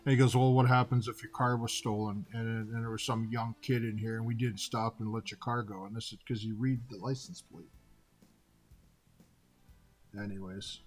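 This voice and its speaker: A man's voice: fairly low pitch, a little fast, few pauses, faint music behind. A man in his fifties from Canada, telling personal stories in a casual monologue and acting out both sides of the dialogue. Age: 50s. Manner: animated retelling, acting out dialogue with repeated "and I said".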